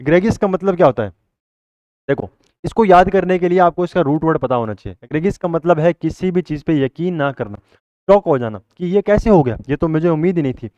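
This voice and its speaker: A man's voice: on the high side, mellow, no echo, lo-fi sound. A male teacher giving a vocabulary lesson. He keeps asking the class a question and then answering it himself.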